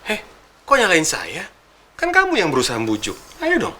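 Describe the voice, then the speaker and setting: A man's voice: high-pitched, wildly swooping pitch, moderate pace, background noise. An actor playing a flustered male servant in a TV soap opera, defensive and pleading.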